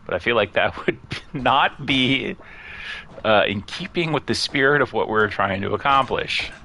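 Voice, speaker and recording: A man giving casual let's-play commentary at home, chatty and quick to laugh, chatting about his cat as he plays. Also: medium pitch, vocal fry, bright, forceful tone. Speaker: gaming streamer. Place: at home near a couch.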